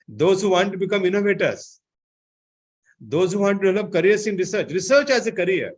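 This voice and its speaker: Man, high voice, online seminar lecture, frequent "I think" fillers. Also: animated, brisk. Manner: repeats "I think, you know" as a filler. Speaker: seminar speaker.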